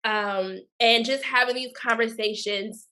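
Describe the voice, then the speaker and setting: A woman hosting a live talk show, chatting playfully with a guest and joking in church style, her voice a bit hoarse. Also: a little high, unhurried, sharp tone. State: slightly hoarse. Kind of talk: casual live chat.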